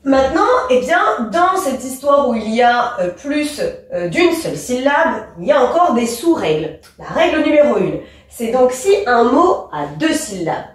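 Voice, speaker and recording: A woman teaching English explains rules to a pupil in a high, sing-song voice at normal speed with few pauses, stressing the example words and addressing the listener directly. The mic is distant, in an echoey room.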